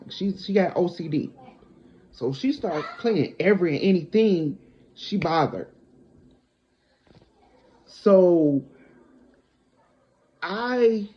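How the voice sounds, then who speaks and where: A middle-aged woman telling a personal story casually and bluntly, acting out what people said, in a dull lo-fi recording. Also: mid-range voice. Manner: animated, blunt, acts out quotes. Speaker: storyteller vlogger.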